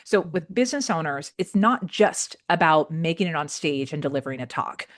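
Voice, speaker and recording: A woman with a slightly low voice teaches conversationally as a guest coach. She explains in an informal, animated way and leans emphatically on her key points. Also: moderate pace. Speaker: speaking coach, podcast guest.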